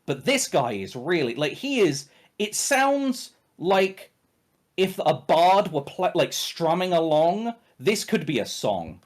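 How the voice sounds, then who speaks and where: Animated, sweary male game master. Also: a little high, slow. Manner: casual, sweary, emphatic. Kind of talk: improvised tabletop game narration.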